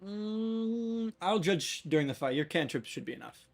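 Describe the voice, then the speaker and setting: Young male game master, casual and chatty, slightly high voice. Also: fairly quick, creaky, breathy edge, soft background music. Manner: relaxed, chatty, improvising rulings. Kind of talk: casual tabletop game narration.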